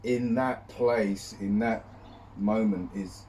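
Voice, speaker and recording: Slow-talking man sitting in ice cold water. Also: on the low side, fairly even intonation, a little mellow. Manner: speaking while sitting in ice cold water, measured with pauses. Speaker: vlogger. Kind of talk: reflective talk to camera. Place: outdoors, birdsong behind. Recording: distant mic, faint outdoor noise.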